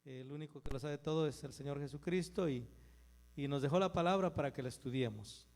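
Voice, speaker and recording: Male church leader, fairly high voice, conversational preacher who repeats phrases and quizzes the congregation. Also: brisk, a little mellow. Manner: conversational, repeats himself, puts questions to listeners. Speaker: church leader introducing the teacher. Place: live in a church meeting.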